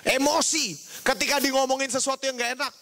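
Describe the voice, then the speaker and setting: A young man preaching to a youth group, lively, often asking the crowd "right?" and mimicking people with bleep sounds. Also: very high voice, fast talker. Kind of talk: youth sermon.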